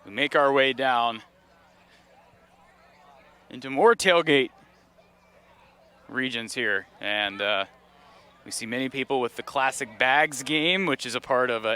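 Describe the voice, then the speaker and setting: A man's voice: mid-range voice, lively intonation, measured pace, pauses often, bright, forceful tone. A man giving a chatty, upbeat live report as he walks through an outdoor tailgate lot near a stadium. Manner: upbeat, chatty, interviews passersby. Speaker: on-scene reporter. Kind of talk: live roving field report.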